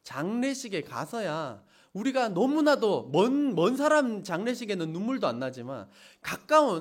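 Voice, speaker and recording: A middle-aged male pastor giving a sermon, dramatically acting out the wailing and complaints of a crowd. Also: extremely high pitch. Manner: dramatic, acts out wailing crowds in loud outbursts.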